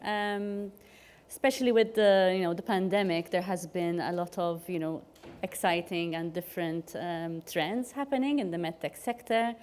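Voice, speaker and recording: A woman's voice: on the low side, normal speed, darkish tone. A woman speaking on a conference panel in a chatty way, often with "you know" and fillers.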